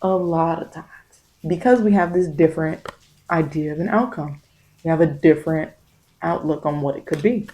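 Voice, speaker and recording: A low-pitched, mellow woman speaks at a moderate pace on a rough recording. Giving tarot-based spiritual guidance in a casual, ASMR-leaning monologue, she addresses the listener directly, leaning on emphatic, repetitive phrasing.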